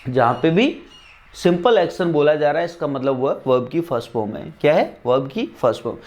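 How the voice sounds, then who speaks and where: A man's voice: a little high, expressive, a little fast, darkish tone. A man teaching an English lesson, drilling examples over and over and asking rhetorical questions. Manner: spells out words letter by letter.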